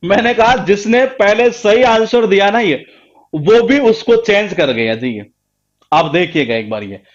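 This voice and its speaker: A man's voice: high-pitched, expressive, a little slow, dull audio. A man teaching a grammar class, emphatic and repetitive, quizzing his students again and again. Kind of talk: live online class lecture.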